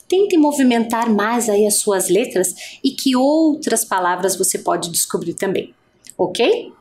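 A woman's voice: mid-range voice, darkish tone, slight background noise. A woman teacher giving an adult literacy lesson, speaking patiently and stretching out each vowel sound.

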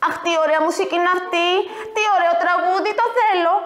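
A woman's voice: very high voice, steady tone, fairly bright tone, roomy sound, faint music behind, pitched above the performer's own voice. A woman voicing a greedy witch in a children's storybook tale, talking eagerly and covetously.

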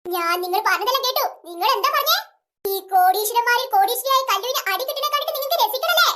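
A smug rich schoolgirl with a very high, bright voice, as a woman puts her on. She talks in a teasing, bossy way, like a tattletale ready to spoil the others' plan in a comedy skit. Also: animated, fast, exaggerated voice.

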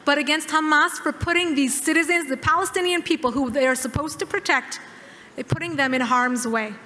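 A woman in her thirties giving a formal keynote speech at a podium, measured and emphatic with dramatic pauses. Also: high voice, sharp tone. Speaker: keynote speaker. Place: large dark hall, at a podium. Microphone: podium microphone. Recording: hall reverb.

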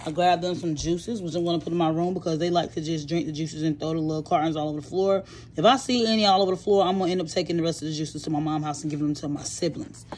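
Fast and low-voiced, a woman vlogger chats casually through her grocery haul. She lists things in a relaxed way with fillers, staying off camera at home while her phone films the items, with a faint hiss or hum present.

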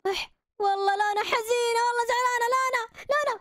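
A woman narrating a game role-play in a lively, bossy, laughing way. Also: very high voice, rapid-fire, slight background noise.

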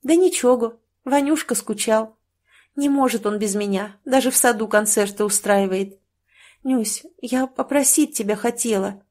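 Pleading young wife, a bit high, woman reading her. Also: normal speed, a little mellow, natural voice. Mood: plaintive. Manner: pleading, plaintive. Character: tired young village wife and mother, aggrieved.

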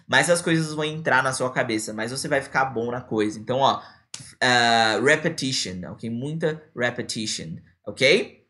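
Bright-voiced young teacher. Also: male voice, mid-range voice. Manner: casual, slangy, switches into English examples. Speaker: English teacher. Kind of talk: live online English lesson.

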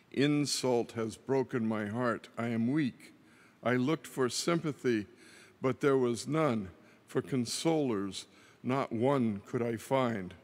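Man reading a psalm really slow and solemn, lots of cathedral echo, long pauses. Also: medium pitch, darkish tone. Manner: measured, deliberate phrasing with long pauses. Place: large church.

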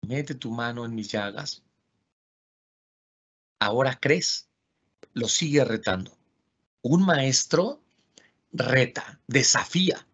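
A man from Mexico speaks over a video call in a faith-based teaching talk, earnest and lively as he acts out the voices he quotes. His voice sits at an ordinary middle pitch. The webinar audio is dull and lo-fi.

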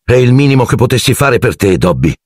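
A man's voice: sits low, very animated, a little fast, husky, no room sound, clean studio sound, heavily acted. A man voicing an earnest, brave twelve-year-old boy wizard in an audiobook, eager and often breathless. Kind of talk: audiobook character voice.

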